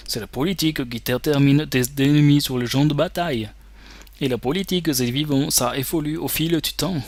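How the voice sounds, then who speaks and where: A man voicing a stern, legendary female soldier and mentor with a put-on German accent, lecturing slowly. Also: fairly high pitch.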